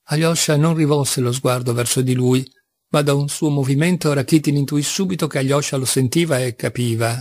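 A man narrates a classic novel in a measured, even way. His voice sits at a middle pitch and is recorded close on a studio mic. The sound is dry with no room around it. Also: no room sound. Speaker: audiobook narrator.

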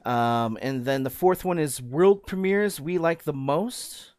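A man's voice: on the high side, slow pace, darkish tone, dry recording, clean studio sound. A young man hosting a gaming podcast, talking casually and hesitantly with lots of fillers. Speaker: podcast host.

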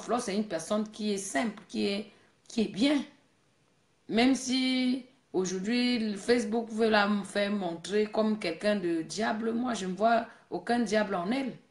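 A woman's voice: mid-range voice, measured pace, roomy sound. A woman hosting a Facebook live video, talking casually and scolding her viewers, repeating her points. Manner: scolding, preachy, repeats herself. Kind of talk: casual live-stream monologue.

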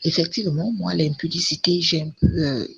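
A woman's voice: lowish voice, moderate pace, creaky. A woman chatting casually through a long personal story, full of fillers and repeated words. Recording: dull lo-fi recording with faint noise.

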